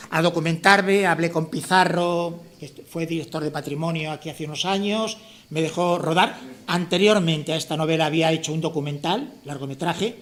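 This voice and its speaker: A man's voice: fairly high pitch, a bit bright. A man from La Mancha in Spain, an author giving an informal, rambling talk at his book presentation, with frequent restarts and tag questions.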